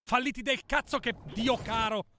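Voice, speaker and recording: A young man hosts a live stream in a casual, excitable way, cursing often and getting loud. His voice sits very high for a man. A faint hiss of noise lies under his voice. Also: moderate pace. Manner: excitable, loud, swears a lot.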